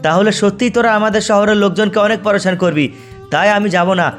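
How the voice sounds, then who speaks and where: An excitable young townsman from a game video shouts and exclaims in a high, bright voice. A man plays him in his own voice. Faint music sits behind. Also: fast talker. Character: brave young male townsman fighting monsters.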